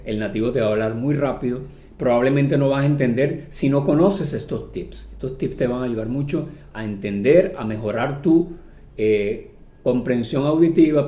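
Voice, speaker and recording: A man who speaks Spanish natively teaches English phrases in a video lesson and slows down sharply whenever he says an English example. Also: medium pitch, dark tone. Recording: echoey room.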